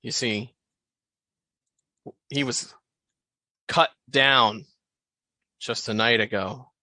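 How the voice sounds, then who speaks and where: A man voicing a menacing, taunting toy knight with a low, gravelly vigilante-style growl. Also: steady tone, extremely slow, bright, forceful tone, dry recording, full character voice. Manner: confrontational, taunting, slangy.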